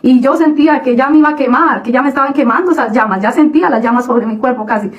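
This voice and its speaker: A woman giving a personal religious testimony, halting often with restarts and fillers. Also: sits high, highs cut off. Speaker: testimony speaker.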